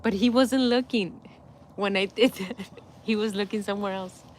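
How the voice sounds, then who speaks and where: A woman's voice: mid-range voice, normal speed, slight background noise. A middle-aged woman hosting a livestream and telling a story to her viewers in a casual way, laughing often as she goes. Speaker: livestream host.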